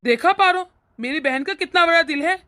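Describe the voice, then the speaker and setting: A woman's voice: very high voice, bright, forceful tone. A woman voicing a hot-tempered young husband and doting brother in a cartoon. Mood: remorseful. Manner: earnest, quick to anger. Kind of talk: cartoon voice acting.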